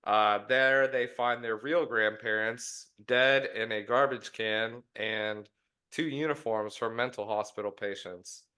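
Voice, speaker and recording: Casting: young male co-host, bright forward tone, loose rambling retelling. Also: lowish voice, steady tone, a little slow. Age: young adult. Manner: rambling storytelling with fillers. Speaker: podcast co-host. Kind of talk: casual chat.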